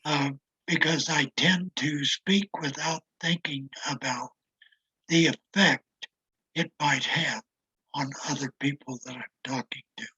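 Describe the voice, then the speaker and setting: In a relaxed interview chat, a retired older man reflects slowly and pokes fun at himself, his strained, raspy voice frequently sinking to a whisper. The pitch runs on the high side with fairly even intonation, bright and tight despite the wear, captured on a rough recording.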